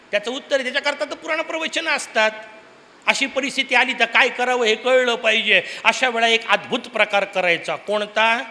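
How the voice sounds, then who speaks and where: A man's voice: very high voice, sharp tone. A man from the giving a Purana discourse, telling stories animatedly and asking the audience rhetorical questions. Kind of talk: religious discourse. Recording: long hall reverb.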